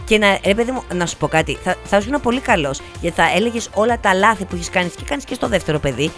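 A man's voice: sits high, expressive, a bit bright, faint music behind. A man hosting a radio show, teasing his co-host in casual chat and reading out news items with a wry edge.

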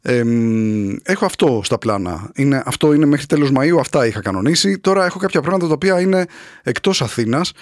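A male comedian giving a satirical monologue, sarcastic and animated in the jokes and chatty and relaxed when he turns to show announcements. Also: medium pitch, dry recording, studio quality.

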